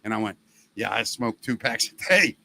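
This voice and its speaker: A middle-aged former radio DJ hosts a casual podcast chat, telling stories and acting out the voices he quotes in a loud, gravelly former smoker's voice. He sounds fairly low and expressive at normal speed, with slight background noise.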